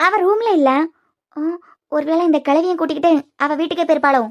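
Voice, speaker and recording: A woman's voice: sits high, quick pace, highs cut off. A woman voicing a scheming stepmother villain in a cartoon series, muttering and gloating to herself with a Kanyakumari accent. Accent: Kanyakumari Tamil. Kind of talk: cartoon web series voice acting.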